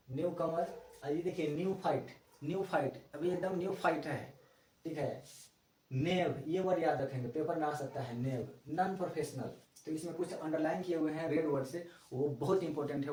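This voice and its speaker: A man's voice: on the high side, a little mellow. A middle-aged man teaching English vocabulary in a Hindi lecture. He repeats key words and spells them out letter by letter. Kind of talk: Hindi classroom lecture mixed with English terms. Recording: echoey room, voice from a distance.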